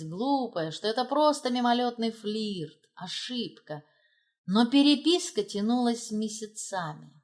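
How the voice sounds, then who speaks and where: A woman narrating a dramatic audiobook in an expressive, dramatic way. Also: on the high side.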